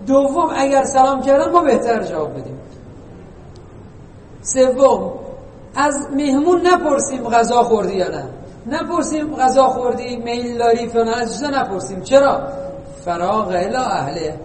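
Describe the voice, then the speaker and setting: A man's voice: very high voice, animated. A man giving an informal religious lesson to a congregation, chatty and teasing, asking rhetorical questions. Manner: conversational, rhetorical questions and jokes. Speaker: preacher. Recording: echoey hall, distant mic, faint noise.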